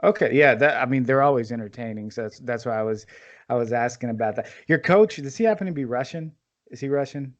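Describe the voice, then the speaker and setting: A man's voice: mid-range voice, fast, highs cut off. A man hosting a podcast, asking questions casually and hesitantly, often repeating words. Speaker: podcast host.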